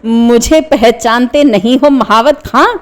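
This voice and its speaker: A woman's voice: on the high side, slow. A woman voicing a wildly laughing, threatening madman with a grizzled beard in a one-reader radio play. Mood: menacing.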